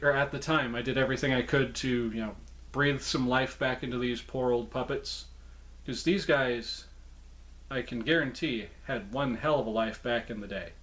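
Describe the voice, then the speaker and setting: A man's voice: mid-range voice, a bit bright. Chatty man presenting his collection. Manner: chatty, informal, self-correcting. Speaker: presenter showing a puppet collection. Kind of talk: casual show-and-tell monologue.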